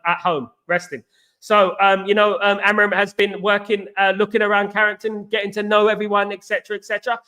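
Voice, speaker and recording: With a high-pitched, bright and forceful voice that comes across clear and resonant, the man from England hosts his livestream casually. He greets viewers by name, reads out what they comment and often drops "big up" and "absolutely."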